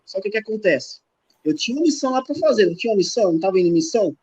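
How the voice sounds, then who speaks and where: A man's voice: sits high, lively intonation, very fast, a little mellow, breathy edge. A man as a podcast guest, telling a personal faith testimony in casual chat and acting out the dialogue as he goes. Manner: emphatic storyteller, acts out dialogue. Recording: dull lo-fi podcast audio.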